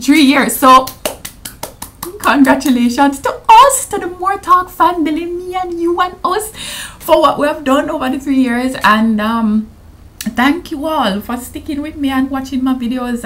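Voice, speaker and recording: A Jamaican-accented woman in her thirties chats playfully to camera in a casual anniversary vlog, slipping into patois now and then. Her voice is on the high side and a bit bright.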